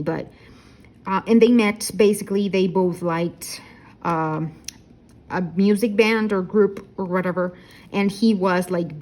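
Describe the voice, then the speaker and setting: A woman's voice: on the low side, darkish tone. A woman in her thirties chatting casually in a vlog while crafting, tired and yawning, rambling with fillers and correcting herself. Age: 30s. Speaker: diamond painting vlogger. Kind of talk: casual chat.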